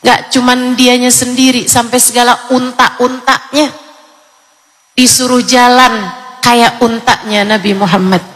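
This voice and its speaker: A woman's voice: fairly high pitch, little pitch movement, a little slow, fairly bright tone, long reverb tail. A woman in her forties from Indonesia, preaching a sermon to an audience and telling stories with acted dialogue. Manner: storytelling, acts out dialogue voices. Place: lecture hall before an audience.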